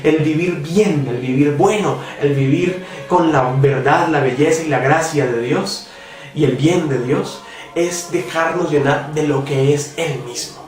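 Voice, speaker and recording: A man's voice: fairly high pitch, unhurried, a little mellow, recorded from a distance. A man giving a devotional reflection, talking earnestly and asking the listener direct questions. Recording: roomy echo, voice from off the mic, faint music.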